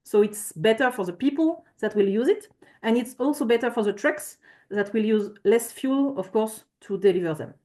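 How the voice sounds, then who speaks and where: A woman's voice: on the high side, lively intonation, moderate pace, mellow. A woman giving a conference presentation with slides, speaking hesitantly with frequent fillers and self-corrections.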